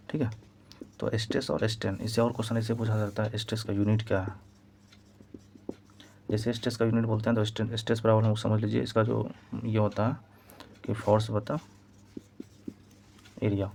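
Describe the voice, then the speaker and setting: Low, flat-voiced man teaching physics. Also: slight background noise. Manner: repetitive, explaining step by step while writing. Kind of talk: exam-prep physics lesson.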